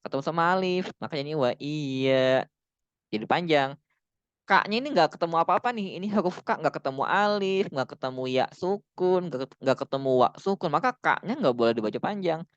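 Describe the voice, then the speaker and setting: Male recitation teacher, casual and chatty, smooth voice, slightly dull dry recording. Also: on the high side, expressive, no echo. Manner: chatty, drawn-out demonstration recitations. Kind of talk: casual online tajwid lesson.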